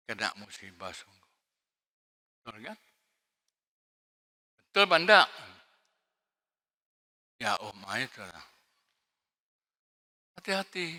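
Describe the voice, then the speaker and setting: A male pastor preaching a sermon, swinging between shouted emphasis and quiet asides. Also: a little high. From Indonesia. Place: large church hall. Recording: long hall reverb.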